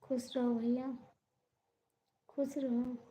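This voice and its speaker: A young woman with a high voice hosts a casual live stream. She talks slowly and reassuringly, answering viewers' comments as she goes. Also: flat delivery, warm tone.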